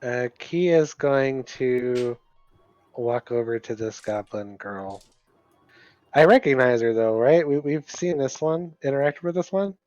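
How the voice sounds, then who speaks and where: A man playing a tabletop role-playing game, phrasing things haltingly and deliberately, in and out of character. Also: mid-range voice, expressive, darkish tone, no echo, lo-fi sound. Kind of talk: casual game play, speaking in and out of character. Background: music.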